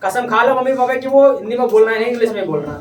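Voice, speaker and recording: A man's voice: very high voice, expressive, racing, crowd noise. A man teaching a classroom English lesson, coaxing his pupils and repeating his questions. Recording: echoey room, distant mic, faint noise.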